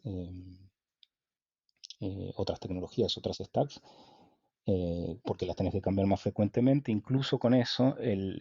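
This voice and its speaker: A man with an Argentine accent, a guest in an interview, explaining technical points in a measured, hesitant way with many fillers. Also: low-pitched, creaky, dark tone, husky, dry recording, lo-fi sound. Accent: Argentine Spanish. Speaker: guest engineer.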